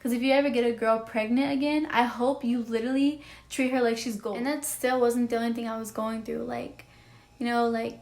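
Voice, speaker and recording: A nineteen-year-old woman telling a personal story in a vlog, emotional and rambling, full of "like" and "you know". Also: fairly high pitch. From Texas. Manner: emotional, rambling, heavy use of "like". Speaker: vlogger.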